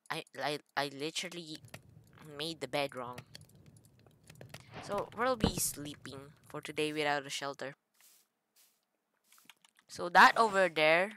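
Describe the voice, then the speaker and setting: A woman's voice: low voice, bright, forceful tone, slight background noise. A woman hosting a gaming channel, rambling through casual gameplay commentary with self-mocking jokes and stammered restarts. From Philippines.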